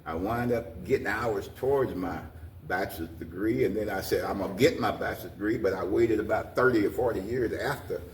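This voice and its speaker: This older American man, a community organization president, speaks as an interview guest, encouraging people in plain, folksy language that keeps repeating itself. His voice is fairly low-pitched and fairly quick. The recording is roomy, with a distant mic and faint noise.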